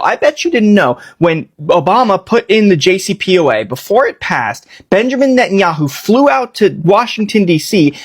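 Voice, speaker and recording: Heated, profane male commentator. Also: high-pitched. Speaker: political commentator.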